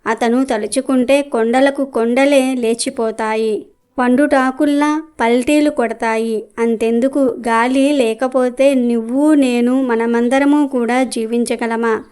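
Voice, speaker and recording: A crafty wandering sage coaxes answers out of others with gentle, probing questions, voiced by a woman. The voice is clear and smooth, set somewhat high. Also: steady tone, unhurried, lightly acted. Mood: coaxing. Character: sly wandering male sage.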